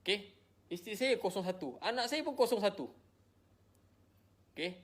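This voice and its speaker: A married adult man from Malaysia with a child, a social media personality, makes an emotional statement directly to his viewers. His high-pitched voice has lively intonation at a moderate pace, and he sounds tired and defensive, repeating himself often.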